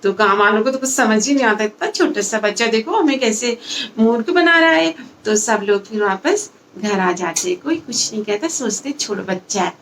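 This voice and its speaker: A woman's voice: on the high side, lively intonation, normal speed, fairly bright tone, slight background noise. A woman telling a moral story to children in a chatty way, talking to the kids directly.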